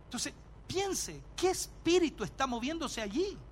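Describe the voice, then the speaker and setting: A man preaching as a pastor in an emphatic sermon, often shouting and acting out little scenes. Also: very high voice, sing-song, a little slow, slight background noise.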